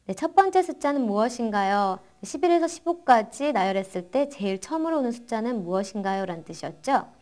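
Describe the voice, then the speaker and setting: A young woman teaching math phrases, saying each practice sentence slowly and carefully, and asking and answering her own questions in an encouraging way. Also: a little high, animated, darkish tone. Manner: slow, careful English model sentences between quick explanations. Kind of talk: bilingual language lesson.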